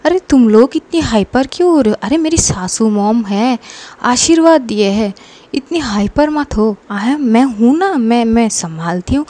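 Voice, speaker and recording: A woman's voice: fairly high pitch, lively intonation, normal speed, mellow, close to an everyday voice. A woman voicing a bold, teasing young woman in love, talking back with playful defiance in a narrated story. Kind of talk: narrated story with acted dialogue.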